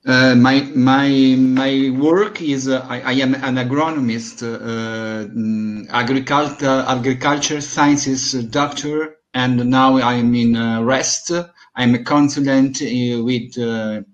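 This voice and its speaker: A man with an Italian accent introducing himself over a video call, halting and searching for words. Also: mid-range voice, steady tone. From Italy. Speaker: online attendee. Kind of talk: brief self-introduction. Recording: dull lo-fi online call.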